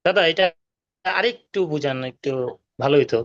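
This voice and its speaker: A woman's voice: fairly low pitch, animated, moderate pace, muffled recording. A woman student joining a class from a call, politely asking the teacher to explain again. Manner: polite, asks for more explanation. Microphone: remote participant on a video call.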